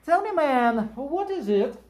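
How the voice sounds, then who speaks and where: A woman English teacher leading a class of young children, giving slow repeated prompts and quick praise. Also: high voice, big pitch swings, darkish tone, roomy sound.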